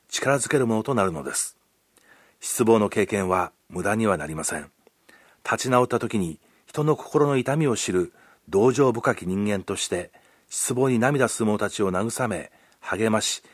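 A man preaching a radio sermon, earnest and measured as he retells a scripture story. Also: on the low side, breathy edge, no room sound, clean studio sound. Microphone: studio microphone.

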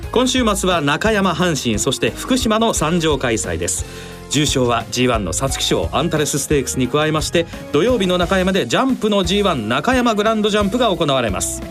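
A man presents on a radio racing show with ultra-polite, formal announcer phrasing. His voice sits fairly high and moves through a very wide, lively range, with faint music underneath. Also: brisk.

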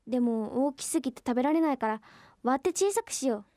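A woman's voice: high-pitched, lively intonation, fast, mellow, no echo, studio quality. A woman voicing a hearty old grandfather in a folk tale, using rustic old-man speech.

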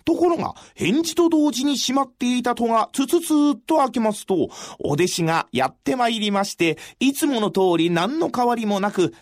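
A male storyteller giving a traditional storytelling performance in a measured, formal recitation with dramatic pauses. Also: sits high, dry recording, clean studio sound.

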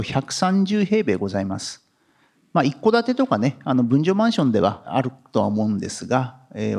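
A man presenting as company president at an investor seminar in very polite, formal business language, with drawn-out filler vowels between phrases. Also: lowish voice, gravelly, a little mellow, breathy edge.

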